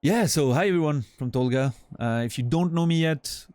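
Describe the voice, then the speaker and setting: A man's voice on the high side, a little mellow, at a moderate pace, recorded with no room sound. He's around forty, from French-speaking Switzerland, speaking with a Swiss French accent as he rambles loosely to his stream chat, jokes about himself and trails off with fillers.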